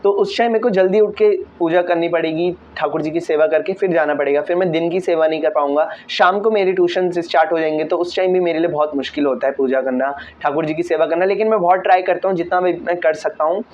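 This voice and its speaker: High-voiced earnest teen boy vlogger. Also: fast, few pauses, darkish tone, dull audio, slight background noise. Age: teens. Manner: earnest, repeats "theek hai" often. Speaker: vlogger answering viewer questions. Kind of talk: casual Q&A talk.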